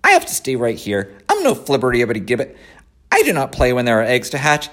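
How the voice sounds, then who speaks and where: A fussy, self-important mother goose, voiced by a man, chattering fast and repeating her words. Her voice sits high and bouncy in a storybook reading. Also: wildly swooping pitch, a bit bright.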